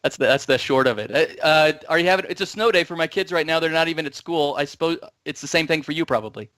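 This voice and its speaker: A man's voice: a little high, fast, fairly bright tone, no echo. A man hosting a tech talk show, upbeat and joking, rambling with restarts. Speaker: podcast host. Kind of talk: casual tech show chat.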